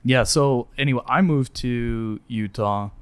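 A man's voice: mid-range voice, unhurried, slight background noise. A man from Southern California, a podcast guest who talks in an easygoing, joking way. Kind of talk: casual podcast chat.

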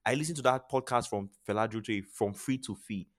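Speaking a little fast in a lowish voice, this Nigerian-accented man appears on a podcast as a charity founder. He delivers motivational interview talk earnestly, driving points home by repeating phrases.

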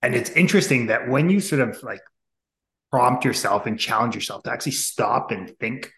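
A man's voice: mid-range voice, normal speed, fairly bright tone. A man hosting a podcast interview, enthusiastic and affirming toward his guest. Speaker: podcast host. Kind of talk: casual interview conversation. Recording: echoey room.

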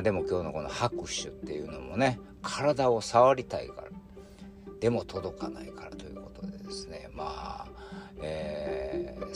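A man with a Kansai accent musing in casual talk, full of fillers, with music playing behind him. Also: deep voice. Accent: Kansai Japanese. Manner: chatty, musing, many fillers. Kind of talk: casual spoken commentary.

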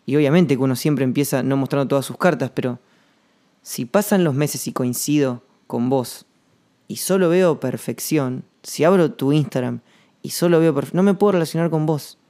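Mellow rambling Rioplatense man. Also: mid-range voice. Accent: Rioplatense Spanish. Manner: rambling, slangy, thinking aloud with pauses. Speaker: podcast host. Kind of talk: reflective solo monologue.

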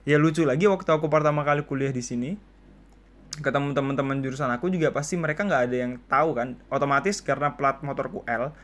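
A man's voice: medium pitch, fast talker. A man in his twenties from East Kalimantan, hosting a casual solo podcast and joking his way through stories and listener questions. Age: 20s. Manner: chatty, joking, quotes people in lively voices. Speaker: podcast host.

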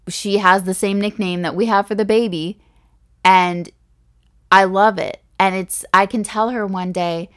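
A woman's voice: mid-range voice, steady tone, a little slow, fairly bright tone. A young pregnant woman hosting a podcast, talking in a gushing, chatty way with frequent restarts and little laughs. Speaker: podcast host. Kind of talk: casual solo podcast talk.

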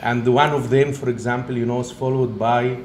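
A man with an Egyptian accent tinged with Italian, a native Arabic speaker, giving an academic lecture in halting English. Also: mid-range voice, flat delivery. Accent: Egyptian, with some Italian. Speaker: guest speaker, professor. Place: indoor event room, talk being filmed. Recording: roomy echo, faint background noise.

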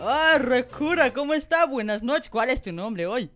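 A man hosting a comic call-in show, teasing callers in a playful, bawdy falsetto persona. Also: animated, moderate pace. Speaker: comedy show host taking calls. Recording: loud music behind.

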